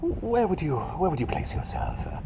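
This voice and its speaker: Soothing in mood, this ASMR roleplay has a man voicing a mild, flustered doctor turned small talking bird in an exaggerated, fairly high voice with wildly swooping pitch at a moderate pace. The personal-attention delivery is soft, breathy and often whispered, hesitant, rambling and repetitive, captured on a close ASMR mic with clear background noise.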